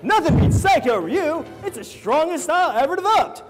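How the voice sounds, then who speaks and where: A man's voice: extremely high pitch, sing-song, a little fast. A man playing a cocky, showy, deluded karate master who brags about himself. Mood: boastful. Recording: echoey hall, faint music.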